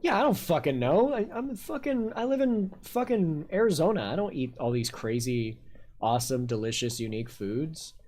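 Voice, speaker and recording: A man's voice: fairly high pitch, lively intonation, moderate pace, a little mellow. Man, game streamer, casual rambling chatter, swears a lot, jokey, desk mic at home. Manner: profane, joking, rambling.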